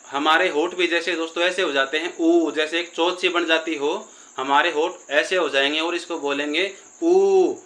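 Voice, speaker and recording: A man's voice: a little high, fairly even intonation, normal speed, a bit bright, low-quality recording. A man teaching a grammar lesson, patiently repeating and drawing out vowel sounds while addressing his listeners as friends.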